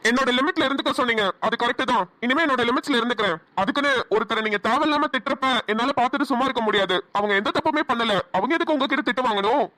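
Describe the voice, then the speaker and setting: A woman's voice: on the high side, sharp tone, no echo. A woman with a Namakkal Tamil accent voicing a teasing, protective young husband in a cartoon. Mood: defiant. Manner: teasing, quick retorts.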